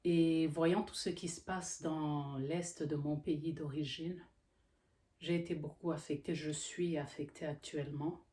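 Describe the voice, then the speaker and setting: Femme au ton grave et sérieux, parlant avec beaucoup d'hésitations. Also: female voice, sits low, steady tone, unhurried, warm tone. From Democratic Republic of the Congo. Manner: earnest, with frequent hesitations. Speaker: health professional. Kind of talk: earnest educational monologue.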